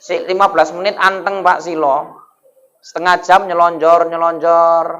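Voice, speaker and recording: A man's voice: a little high, little pitch movement, moderate pace, a bit bright, highs cut off, slight background noise. A man, preaching a humorous sermon in a mosque and often calling out to the crowd for replies. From North Sumatra, Indonesia. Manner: jokey, keeps asking the crowd for replies.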